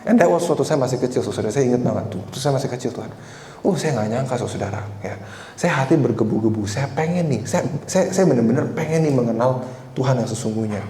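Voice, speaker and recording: A man's voice: mid-range voice, lively intonation, quick pace, mellow. A man in his twenties giving a conversational sermon, telling a personal story and often turning to address the congregation. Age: 20s. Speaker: preacher. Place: church hall. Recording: echoey church hall with faint noise.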